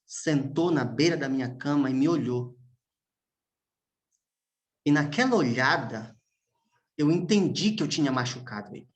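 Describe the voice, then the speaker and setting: A man, a pastor preaching a sermon as emotional storytelling, with long pauses and hushed moments. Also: mid-range voice, expressive.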